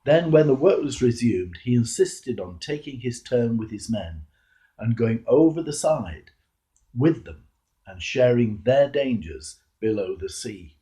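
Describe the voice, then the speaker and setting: Reading a homily aloud, this older clergyman with a British accent speaks in an earnest, measured way, using deliberate pauses and emphasis. His medium-pitched voice is expressive and dark.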